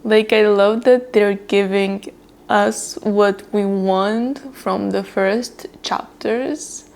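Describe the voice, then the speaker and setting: A woman's voice: mid-range voice, fairly even intonation, takes it slowly, vocal fry, darkish tone. A young woman chatting casually on camera as she reads a romance novel, retelling the characters' lines in a chatty way and laughing often. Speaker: book vlogger. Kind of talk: casual read-along commentary.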